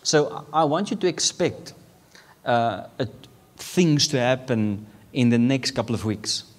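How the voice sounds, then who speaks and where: In an expansive indoor sanctuary, a South African man in his thirties, Afrikaans-speaking by birth, preaches as a visiting pastor with a handheld microphone. His medium-pitched voice is expressive and unhurried, and his frequent chuckles give way to emphatic declarations.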